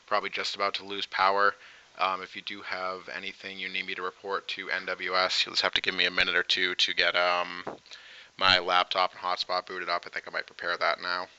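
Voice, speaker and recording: A man calling in to a radio net with a casual, monotone delivery over a two-way radio. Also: sits low. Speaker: amateur radio caller reporting in. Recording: muffled radio transmission with clear noise.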